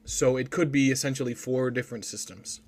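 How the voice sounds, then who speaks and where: A man with a mid-range voice chats on a gaming podcast panel. He is animated and exclamatory, telling stories with plenty of outbursts. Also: medium pitch, fairly quick. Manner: animated storyteller, chatty and exclamatory. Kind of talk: casual chat.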